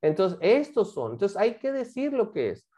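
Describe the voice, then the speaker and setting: A woman's voice: medium pitch, very animated, moderate pace, warm tone. Woman, English teacher, explaining homework, patient, asks if students follow. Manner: patient, checks understanding with frequent questions.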